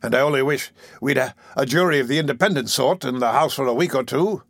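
A man's voice: mid-range voice, quick pace, a bit bright, no room sound, studio quality. A man voicing a pompous, self-important parish beadle in an audiobook reading. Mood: indignant. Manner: pompous and blustering.

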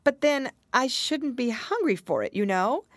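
Lady doing a curious polite lil girl from a storybook, cautious, raised pitch, dry recording. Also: expressive, unhurried, no echo. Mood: cautious, thoughtful. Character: young girl Alice, polite, curious, easily offended.

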